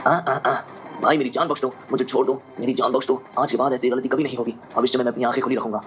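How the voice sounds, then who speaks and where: A man's voice: medium pitch, flat delivery, fast, fairly bright tone, pitched above the performer's own voice, lightly acted. A man voicing a spoiled, arrogant young heir in an audio drama, who blusters with a raised voice. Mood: begging. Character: arrogant rich young man, panicked and begging.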